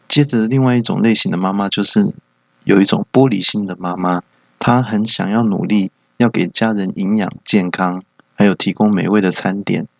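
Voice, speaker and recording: A man's voice: lowish voice, steady tone, moderate pace, creaky, dry recording. A man hosting a solo comedy podcast, telling playful stories. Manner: playful storytelling. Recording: dull, dry lo-fi home recording.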